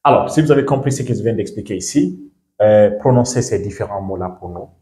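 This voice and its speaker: A man's voice: fairly low pitch, brisk, mellow. A man giving a language lesson as an English teacher, explaining step by step and checking in often with his learners. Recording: echoey room.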